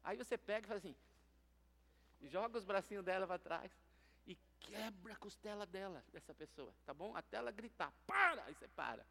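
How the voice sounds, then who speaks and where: A Brazilian pastor with a high-pitched voice preaches in a church. He is playful and joking, dropping to quiet asides one moment and calling out loudly to the congregation the next. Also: normal speed, gravelly. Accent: Brazilian Portuguese. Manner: playful and humorous, shifting between soft asides and loud calls. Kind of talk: lively sermon. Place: church sanctuary.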